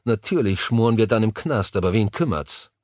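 A jittery, cynical partner barks warnings down a phone line, as a male narrator puts him on. The voice rides above the reader's own low register and stays tense and hurried. It sounds close and dry. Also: lively intonation, darkish tone, dry recording, lightly acted. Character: nervous, worried male business partner on phone.

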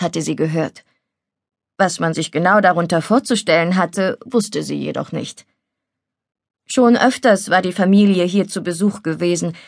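A woman reading a novel as audiobook narrator in a calm, measured way. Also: lowish voice, vocal fry, dry recording. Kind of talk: scripted narration. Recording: dry studio recording.

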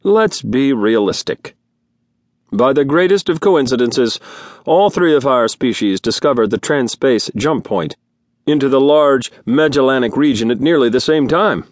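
A man's voice: medium pitch, animated, a little slow, no room sound, studio quality, voice pushed up, close to an everyday voice. A man voicing a jovial, heavyset human host who speaks in a showy, pompous way. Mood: expansive. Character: jovial obese older human dinner host.

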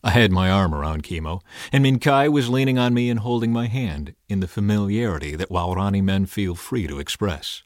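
A man narrating a first-person memoir audiobook in a measured, earnest manner. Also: on the low side, expressive, dry recording, clean studio sound.

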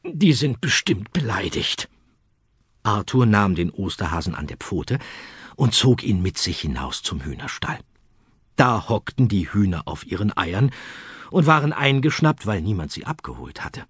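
Guy reading a kids' storybook, low husky voice, really bouncy up and down. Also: normal speed, no room sound, clean studio sound. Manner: expressive, playful reading. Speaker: audiobook narrator. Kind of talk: storybook narration for children.

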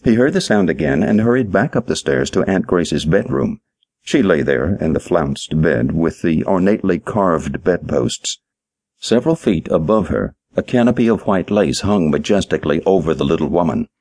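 A man narrating a short story in an audiobook, reading in a measured storytelling manner. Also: low-pitched, lively intonation, a little mellow, husky, dry recording, studio quality. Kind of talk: scripted narration.

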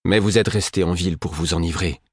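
A man's voice: sits low, quick pace, husky, no room sound, clean studio sound. A man narrator voicing an angry, protective young mother who speaks curtly and reproachfully. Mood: sharp, reproachful. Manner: curt, sharp, reproachful.

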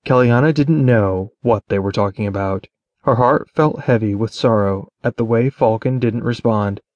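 A man's voice: medium pitch, moderate pace, a little mellow, no echo, lo-fi sound. Male audiobook narrator, dry sound. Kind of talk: scripted narration.

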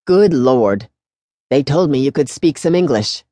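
A woman reading as a jovial, squat old monsignor with a dark, mellow tone, sighing and chuckling at his own jokes. He talks in a close, dry, intimate way, good-humored even when exasperated, in an audiobook story. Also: rumbling low, measured pace, dry recording. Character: jovial squat older male priest, monsignor.

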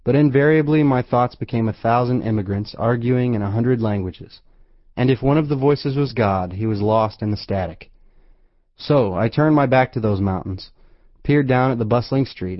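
A man narrates a first-person audiobook in a wry, measured way, his voice sitting in an ordinary middle register. The recording is close and dry, with a slightly dull, muffled top end. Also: medium pitch, dry recording.

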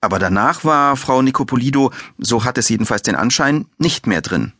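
A man's voice: medium pitch, expressive, a little fast, a bit bright, no room sound, clean studio sound, pitched above the performer's own voice. A man playing a middle-aged hotel director who talks in a formal, slightly annoyed way, in an audiobook.

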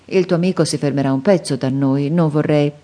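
A woman reading the lines of an earnest young man who gently teases his father, in an audiobook. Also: sits low, fairly quick, natural voice. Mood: reproachful.

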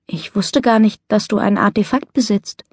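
A woman reading the part of a calm, gentle and self-assured teenage boy in an audiobook. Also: mid-range voice, normal speed, slightly rough, dry recording, studio quality. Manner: gentle, reassuring.

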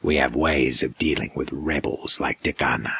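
A man voicing a towering, inhuman male creature who threatens slowly in a low, dark voice. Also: fairly even intonation, vocal fry, breathy edge, no room sound, full character voice. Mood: menacing. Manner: slow, low, threatening growl. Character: towering male monster, menacing interrogator.

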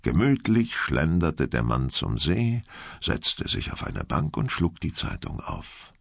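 A man narrating an audiobook in a slow, measured storytelling style. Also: rumbling low, huge pitch swings, vocal fry, no echo, clean studio sound. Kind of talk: scripted narration.

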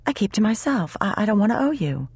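A woman's voice: medium pitch, sing-song, fast talker, a little mellow, slightly rough, voice pushed up, exaggerated voice. A woman voicing a proud, defensive young single mother who talks in clipped, insistent bursts. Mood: flustered.

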